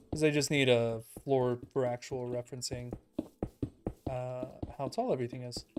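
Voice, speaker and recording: A man casually commenting on his own gameplay as a streamer, relaxed and self-deprecating, thinking out loud and a little out of breath. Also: medium pitch. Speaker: let's play streamer. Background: background music.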